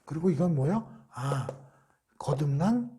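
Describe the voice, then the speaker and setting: A man's voice: on the high side, lively intonation, slow pace, noisy background. A man giving a Bible study lecture, asking rhetorical questions and answering them himself in a conversational way. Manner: conversational, acts out quotes.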